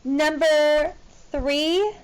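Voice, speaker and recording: A woman's voice: sits high, fairly even intonation, very slow, rough recording. A woman teacher talking to her class in an informal, directive way as she works through math examples. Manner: informal, directive, checking students follow along.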